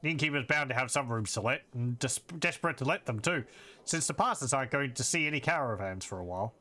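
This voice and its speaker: Fantasy-game tavern keeper, acted by a man, folksy and chatty, bright middle-range voice. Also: medium pitch, lively intonation, quick pace.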